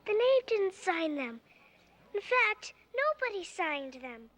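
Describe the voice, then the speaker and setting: A woman playing an outspoken, sensible young girl in a theatrical fantasy drama, often calling out loudly. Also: very high voice, big pitch swings, slow, heavily acted. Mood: indignant, frank.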